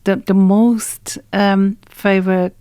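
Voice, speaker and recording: An Iranian-accented woman speaks slowly and haltingly, pausing often and reaching for words as a radio guest. Her voice is mid-pitched and sits dry and close in the studio. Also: flat delivery, mellow, smooth, dry recording. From Iran. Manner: halting and hesitant, many pauses and fillers. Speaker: guest singer. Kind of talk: radio interview.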